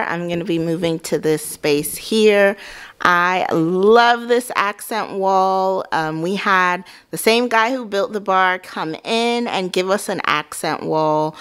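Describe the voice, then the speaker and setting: A woman's voice: on the low side, clean tone. A woman narrating a home tour of her basement in a casual, gushing way with frequent ums.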